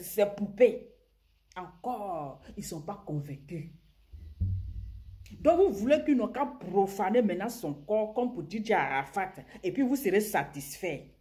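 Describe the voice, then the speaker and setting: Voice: medium pitch, darkish tone. A commentator, scolding listeners in an impassioned vlog rant and often stammering over repeated words. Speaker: social media commentator.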